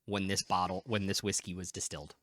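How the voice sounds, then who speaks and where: Excited guy in his 30s chatting thru a whiskey tasting, bright forward voice, dry close sound. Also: deep voice, a little fast, no echo. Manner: enthusiastic, descriptive. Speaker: whiskey review host. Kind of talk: casual tasting chat.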